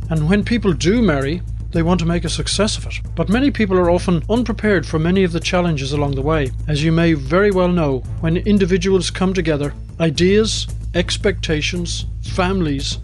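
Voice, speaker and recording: A man, a charity chief executive, giving an earnest, scripted overview on radio. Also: on the high side.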